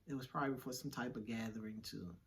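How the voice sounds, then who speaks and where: A man's voice: fairly low pitch, fast, vocal fry. Joking, slangy young man telling stories. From Washington, D.C. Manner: animated storytelling, slangy and joking. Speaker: co-host. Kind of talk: casual chat.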